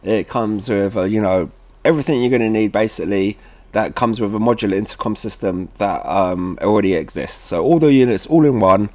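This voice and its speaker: Speaking a bit quickly in a lowish, darkish voice, this man presents product setup tutorials. His video is informal, guiding the audience step by step while addressing them as guys.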